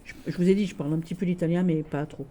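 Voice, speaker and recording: Lady vlogger going through her tarot decks, lowish warm voice, chatty and affectionate, keeps saying voilà. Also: steady tone, racing, slight background noise. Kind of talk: casual chat showing tarot decks.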